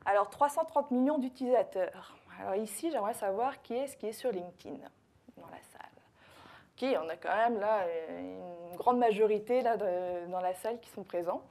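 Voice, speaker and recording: With a dark tone and a mid-range voice at moderate speed, a French-accented woman from France addresses a live conference audience. She works as a social media consultant and trainer. Her delivery is hesitant, with frequent fillers and self-corrections.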